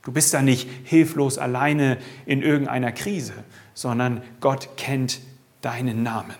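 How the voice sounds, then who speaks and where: A man preaching a sermon with an emphatic delivery that swings from raised lines to hushed ones. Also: medium pitch, steady tone, measured pace.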